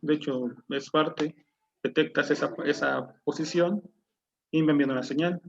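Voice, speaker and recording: A man with a fairly high voice teaches an online class, explaining each step and putting questions to his students. His cheap computer mic makes the sound dull and muffled. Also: steady tone, moderate pace, vocal fry, a little hiss or hum. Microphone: low-quality computer mic.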